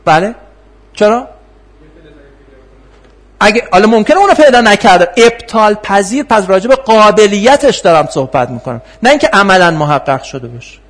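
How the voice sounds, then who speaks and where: A man lecturing in a classroom on philosophy of science, explaining with rhetorical questions and filler pauses. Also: sits high, animated, a bit bright.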